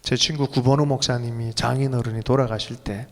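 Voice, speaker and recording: A man preaching as pastor of a church, emotional and leaping to sudden high bursts. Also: steady tone, brisk. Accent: Korean. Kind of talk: sermon. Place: church sanctuary. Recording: long reverb of a church hall.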